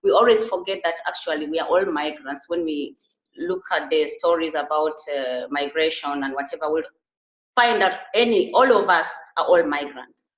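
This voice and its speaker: Low-pitched and at a moderate pace, a middle-aged woman from Uganda speaks earnestly as a guest in a conversational interview in Germany, frequently restarting her sentences. She is a beauty and wellness therapist, and the recording sounds muffled with a roomy echo.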